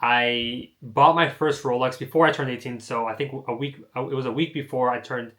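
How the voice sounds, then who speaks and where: Young man, late teens, casual storytelling, rambling, lots of fillers, restarts, middle pitch. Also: fairly even intonation, moderate pace, a bit bright. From United States. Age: young adult. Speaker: online entrepreneur. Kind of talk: casual personal storytelling to camera.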